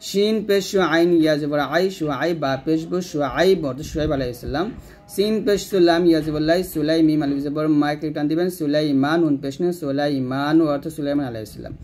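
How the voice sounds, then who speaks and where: A man teaching Quran reading, spelling out letters and vowel marks syllable by syllable, slow and repetitive, and dropping lower and quieter at the ends of sentences. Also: faint music behind.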